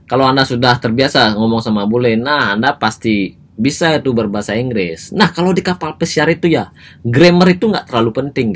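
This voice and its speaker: A man from Bali giving casual, animated advice to his viewers in a vlog. He keeps calling them "guys" and his voice jumps up high to stress a point. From Bali, Indonesia. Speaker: vlogger giving advice on speaking English. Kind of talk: casual advice talk to camera.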